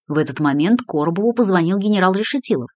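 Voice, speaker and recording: A woman narrating a crime novel audiobook with brisk, expressive reading. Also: lowish voice, no room sound. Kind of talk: scripted narration.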